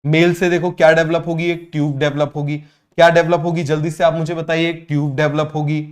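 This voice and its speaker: Man, fairly high voice, biology lecture, repeats each point, quizzes students, drawn-out technical terms. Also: little pitch movement. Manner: repeats every point and asks students to call out answers; drawls key English terms slowly. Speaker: biology teacher. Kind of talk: coaching class lecture.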